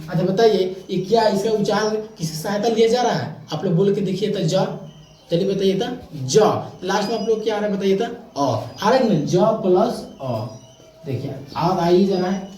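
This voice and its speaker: A high-voiced man with a mellow tone teaches a lesson, posing questions and answering them himself. He repeats key points again and again. The sound is echoey, with faint noise behind. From India. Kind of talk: classroom-style lesson.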